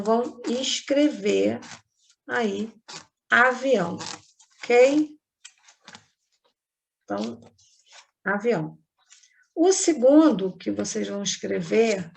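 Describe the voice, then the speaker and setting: A Brazilian woman teacher giving a recorded lesson to young children, dictating words slowly and patiently, checking in with "ok?" as she goes. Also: mid-range voice, vocal fry, a little hiss or hum. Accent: Brazilian Portuguese. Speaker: primary school teacher. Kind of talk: recorded online class for children.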